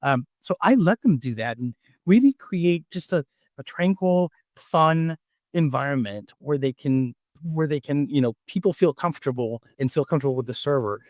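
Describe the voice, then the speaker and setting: On a podcast, a Mexico City chef who owns a restaurant talks through interview questions and shares anecdotes in a conversational way, speaking with a Mexican accent as a native Spanish speaker. His voice is on the high side, expressive and a little mellow, at a moderate pace, in studio-quality sound with no room echo.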